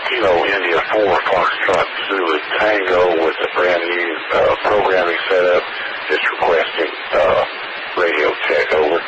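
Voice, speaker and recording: A man making a halting, procedural military-style call over crackly two-way radio. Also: deep voice, steady tone. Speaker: radio operator requesting a radio check. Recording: crackly, muffled, very noisy radio transmission.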